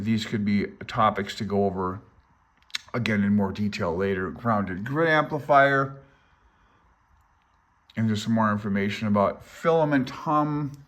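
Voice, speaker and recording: With a low-leaning, fairly bright voice, an older man casually walks through an amateur radio handbook as a hobbyist presenter. The unscripted read-along wanders as he thinks aloud and openly doubts himself.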